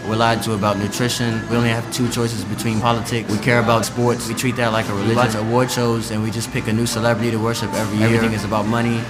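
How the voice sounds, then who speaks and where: A man's voice: on the low side, flat delivery, racing, few pauses. A man from Sudan, interviewed at a restaurant table, speaking bluntly and with strong opinions. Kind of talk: casual group conversation. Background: music.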